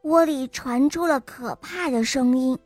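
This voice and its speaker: A woman telling a bedtime story to children in a warm, sing-song way. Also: high-pitched, measured pace, no echo. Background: faint music.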